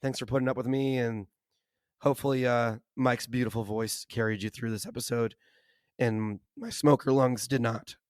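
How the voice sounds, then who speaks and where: A hoarse man with laryngitis, co-hosting a podcast in casual, enthusiastic chat full of "like" and "kinda". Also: mid-range voice, fairly even intonation, moderate pace, darkish tone, no room sound, studio quality. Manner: enthusiastic, uses lots of "like" and "kinda". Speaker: podcast co-host.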